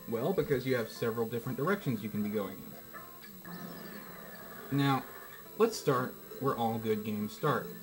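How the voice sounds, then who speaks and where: A man reviewing a video game as he plays, giving casual commentary in short, halting phrases with asides. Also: mid-range voice, low-quality recording.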